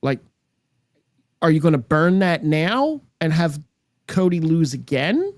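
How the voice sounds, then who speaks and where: Higher-voiced man speculating, dry sound. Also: big pitch swings, slow pace, no room sound. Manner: speculative, questioning, slangy. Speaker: podcast co-host. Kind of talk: casual wrestling recap chat.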